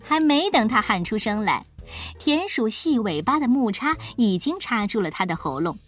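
Lively husky-voiced woman storyteller. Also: fairly high pitch, normal speed, soft background music. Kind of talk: children's storybook narration.

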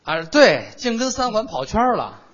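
A man's voice: high-pitched, sing-song, moderate pace, fairly bright tone. A man acting as the straight man in comic crosstalk, dropping dry, teasing interjections. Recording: dull lo-fi recording.

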